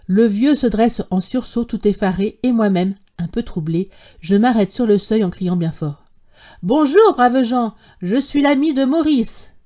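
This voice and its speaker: A woman narrating a classic short story as an audiobook, in a measured, literary reading style. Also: medium pitch, dark tone.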